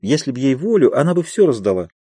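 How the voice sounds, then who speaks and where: A man's voice: mid-range voice, big pitch swings, quick pace, dark tone, no echo, pitched above the performer's own voice. A man voicing a pious, tearful young woman who fusses earnestly, in an audiobook of a play.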